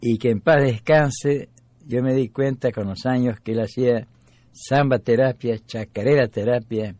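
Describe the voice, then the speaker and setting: An Argentine man in his nineties tells old family stories at an easy, pausing pace. His voice is warm and mellow, and the recording is close and dry. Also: mid-range voice, fairly even intonation, no room sound. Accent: Argentine Spanish. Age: 90s. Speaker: interviewee, folk musician. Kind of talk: storytelling memories.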